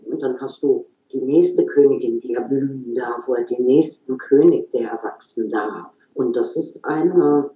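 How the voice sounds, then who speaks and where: Woman, mellow warm voice, calm explanatory talk, roomy dull recording. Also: low-pitched. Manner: calm, explanatory, frequent "so" pauses. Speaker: guest, regression therapist. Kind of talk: reflective interview talk.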